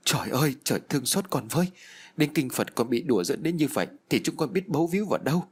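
A man's voice: medium pitch, expressive, normal speed, fairly bright tone, slightly rough, pitched above the performer's own voice. A man voicing a frantic, tearful mother who laments and comforts her child. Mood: anguished. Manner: anguished, lamenting.

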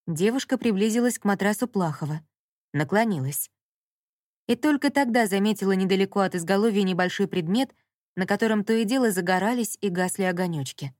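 A woman reading an audiobook novel in a measured storytelling manner. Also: mid-range voice, a little mellow, no room sound, clean studio sound. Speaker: audiobook narrator. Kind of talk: scripted narration.

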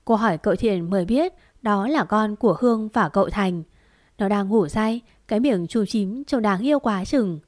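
Woman reading a love story, calm and steady, dry close mic. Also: medium pitch, normal speed, no room sound. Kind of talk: scripted romance story narration.

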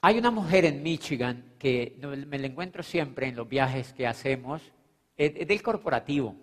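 A man giving an animated, emphatic motivational talk, repeating phrases and checking in with his audience. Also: mid-range voice, normal speed. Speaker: motivational speaker. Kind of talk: live motivational seminar talk. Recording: long hall reverb.

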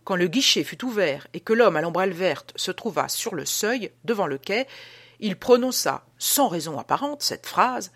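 A woman reading an audiobook as an old male prison guard telling an uncanny tale, with a dramatic, hushed delivery. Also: fairly low pitch, animated, normal speed, breathy edge, full character voice. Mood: spooked. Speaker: audiobook reader.

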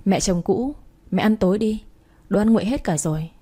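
A woman's voice: mid-range voice, normal speed, lightly acted. Woman voicing a cool, composed young woman. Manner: calm, composed.

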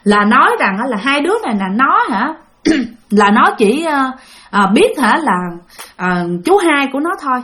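A woman's voice: sits high, animated, normal speed, pushed and bright. A woman with a Southern Vietnamese accent telling a ghost story in a chatty way, full of fillers and asides to her listeners. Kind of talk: casual spooky storytelling.

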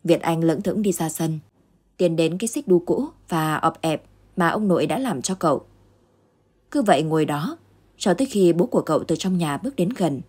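A woman reading a ghost story aloud as scripted narration, in a steady, dramatic reading. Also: lowish voice, normal speed, slightly rough.

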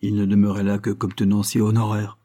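Audiobook lead: a man voicing a calm young lawyer, dry and composed, husky low voice. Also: a little fast, natural voice. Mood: wry.

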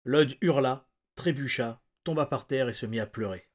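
A man, a podcast host, reading a novel excerpt aloud in a measured, steady narration. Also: medium pitch.

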